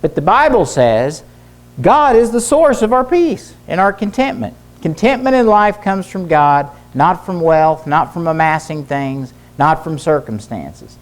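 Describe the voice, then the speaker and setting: A middle-aged pastor and teacher who used to be a physician preaches a sermon during a church service. His voice is a little high, sing-song and a little slow as he tells stories earnestly and repeats key phrases for emphasis.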